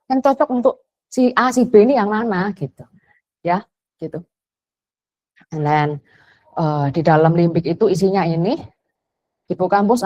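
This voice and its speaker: A woman with a lowish, darkish voice gives a chatty talk as a parenting educator. She slips English phrases into her speech and acts out quotes.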